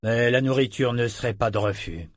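A man voicing a bitter, domineering father, loud and contemptuous in his anger. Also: medium pitch, fairly quick, no room sound, studio quality, lightly acted. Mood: sardonic. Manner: contemptuous, scornful, shouting in rage. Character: bitter domineering father, furious sea captain.

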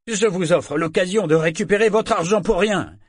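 A man's voice: high-pitched, normal speed, no echo, clean studio sound, voice pushed up. A man voicing a cornered bear trainer who bargains insistently with a crowd.

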